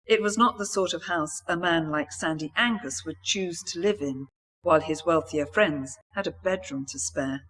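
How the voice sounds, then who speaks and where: A woman author reading a mystery novel aloud in a steady, even storytelling manner. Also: on the low side, moderate pace, husky.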